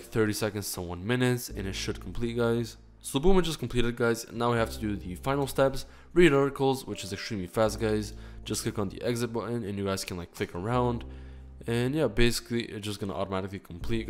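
A young man hosting a casual screen-recorded game tutorial, upbeat and quick, saying "guys" all the time. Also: lowish voice. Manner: upbeat, fast, says "guys" constantly. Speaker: channel host.

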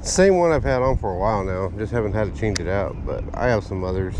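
A lowish-voiced fishing vlogger talks fast and casually as he fishes a park pond, chattering to himself and his chest- or head-mounted action camera. He's easygoing but gets excited whenever he lands a catch, and faint outdoor noise is audible.

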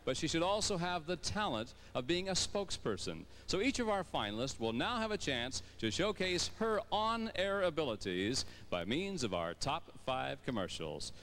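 A man's voice: a little high, very animated, moderate pace, hardly any pauses, fairly bright tone, slight background noise. A middle-aged man announcing live on stage as a pageant host, on a handheld microphone. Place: large pageant theater stage.

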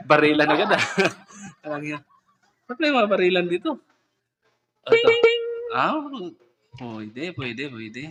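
A man's voice: on the high side, very animated, measured pace, long pauses, a bit bright. A man vlogging casually and chattily, trying out a new condenser mic and sound card. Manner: chatty, giggly, trying out gear. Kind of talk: casual vlog chat. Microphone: condenser microphone.

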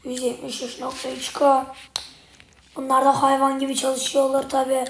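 A woman's voice: high-pitched, completely flat delivery, normal speed, creaky. A young woman with a strained, partly lost voice gives casual gameplay commentary, muttering to herself in short bursts. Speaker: gaming video creator. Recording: roomy, loud noise and clicks.

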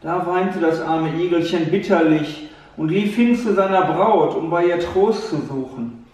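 A man gently telling a fairy tale to a child, speaking to the listener directly, heard from a distant mic in an echoey room. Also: on the high side, measured pace. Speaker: storyteller.

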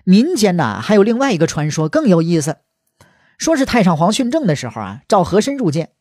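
A man's voice: high-pitched, sing-song, brisk, darkish tone, dry recording, studio quality. A man telling history stories in a chatty, colloquial way, with asides to the listener. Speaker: history storyteller. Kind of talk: colloquial storytelling.

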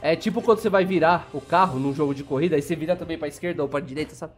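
A young Brazilian man with a slightly high voice narrates his gameplay in a chatty, running commentary. He talks straight to his viewers and bursts into sudden excited yelps. Faint game music plays underneath. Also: rapid-fire. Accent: Brazilian Portuguese. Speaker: gameplay channel host. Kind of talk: let's play commentary.

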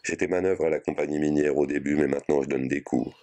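A man's voice: a bass voice, steady tone, quick pace, warm tone. Man reading a guilty young prisoner. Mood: subdued. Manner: subdued, evasive. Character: guilt-ridden young male prisoner talking to his mother.

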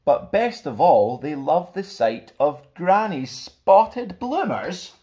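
Reading a picture book for kids, this young adult storytime host presents in a friendly, expressive way, his voice on the high side and his pace unhurried. The recording comes from a small plain room indoors, with him about an arm's length from the camera.

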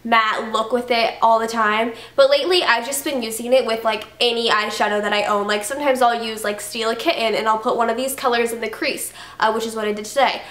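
A young woman with a stuffy cold gushes casually through her beauty favorites from an indoor bedroom, peppering her talk with "like." Her voice is on the high side and a bit bright, with fairly even intonation, a slightly fast pace, few pauses, and an echoey sound.

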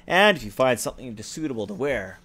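A man's voice: medium pitch, sing-song, fast, fairly bright tone, breathy edge. A man voicing a harsh, cold stepmother while reading a storybook aloud to his child. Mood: mocking. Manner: mocking, read aloud from storybook.

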